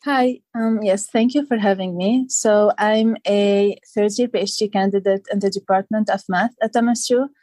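A woman's voice: medium pitch, steady tone, normal speed, hardly any pauses, darkish tone, no room sound. Young woman from Lebanon, dry close sound. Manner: thoughtful, with many "like" and "um" fillers. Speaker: guest, PhD candidate. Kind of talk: casual interview.

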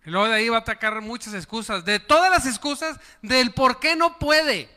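A man's very high-pitched, sharp voice moves briskly, trailed by a long reverb tail. Preaching as pastor, he leads the congregation in call-and-response, asking them to repeat words and applaud.

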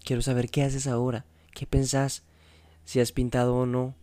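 A man reading a novel aloud, voicing a reserved, evasive young woman in a soft, restrained way. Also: mid-range voice, level tone, normal speed, dry recording, natural voice. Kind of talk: audiobook reading.

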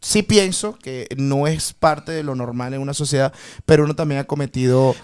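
A man's voice: mid-range voice, normal speed, a little mellow, clean tone. A man hosting his own show, casual and self-mocking, often laughing at himself in a group discussion. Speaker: show host.

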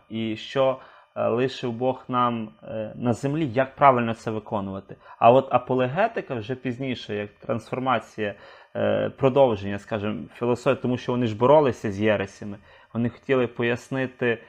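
A man in a conversation, building his points slowly with hesitant filler sounds. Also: medium pitch, creaky. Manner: hesitant, many 'е' fillers while building arguments. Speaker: discussion partner. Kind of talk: conversational discussion.

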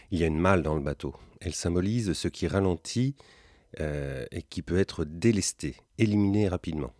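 A man hosting a podcast, calmly explaining a method and speaking directly to the listener. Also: sits low, dry recording, clean studio sound. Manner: calm, measured, addresses listener directly. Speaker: podcast host.

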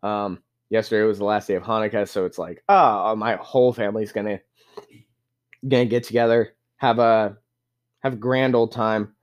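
A young man from California hosting a casual solo podcast. He rambles, gets excitable and swears often, and his pitch jumps up when he is worked up. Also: moderate pace. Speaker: podcast host.

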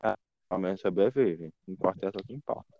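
A man's voice: low-pitched, quick pace, dry recording. A man with a Brazilian accent, co-hosting a podcast in casual chat, teasing his co-host with joking replies. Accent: Brazilian Portuguese. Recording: dull dry lo-fi mic.

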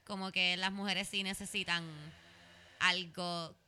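A woman's voice: lowish voice, measured pace, smooth. A young woman with a Puerto Rican Spanish accent, chatting casually as a podcast co-host and telling stories with lots of slang. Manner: animated storytelling, frequent slang and English mixing. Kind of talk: casual chat.

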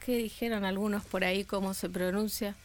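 A woman's voice: medium pitch, fairly even intonation, fairly quick, slight background noise. A woman with a Rioplatense Spanish accent, hosting a playful radio segment that teaches how to say sports names, spelling out sounds and quizzing her co-hosts. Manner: teacherly, spells out sounds and asks quiz questions. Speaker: sports pronunciation columnist. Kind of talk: playful didactic radio chat. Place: radio studio.

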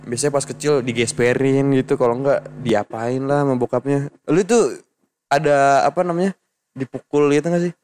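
A man's voice: mid-range voice, fairly even intonation, moderate pace, a little mellow, clear, resonant tone. A young man hosting a casual podcast chat, teasing his guest, laughing often and talking in slang. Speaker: podcast host.

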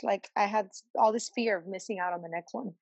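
A woman's voice: medium pitch, fast, gravelly, breathy edge, no echo, muffled recording. A woman co-hosting a podcast with casual, slangy, playful banter, sometimes reading aloud. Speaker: podcast co-host.

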